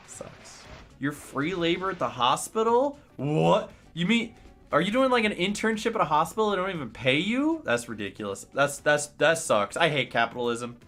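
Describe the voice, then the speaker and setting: A man's voice: fairly high pitch, very animated, measured pace, a bit bright, soft background music. A man in his late twenties streaming a game, chatting casually, ranting with sarcasm as he answers chat. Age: late 20s. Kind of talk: casual livestream chat while playing a game.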